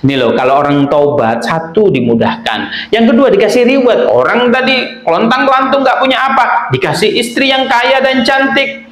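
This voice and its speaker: A male preacher telling a story in a lively sermon, often asking the audience rhetorical questions. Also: very high-pitched, moderate pace. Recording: echoey room.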